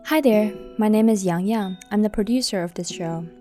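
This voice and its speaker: A woman's voice: medium pitch, moderate pace, warm tone, soft background music. A woman from Shanghai reading news narration as a podcast host, recorded muffled under a blanket in her bedroom. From Shanghai, China.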